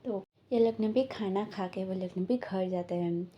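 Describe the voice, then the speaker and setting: A woman's voice: medium pitch, normal speed, warm tone, slight background noise. A woman casually retelling a fan-fiction story in a chatty, loose way, full of fillers.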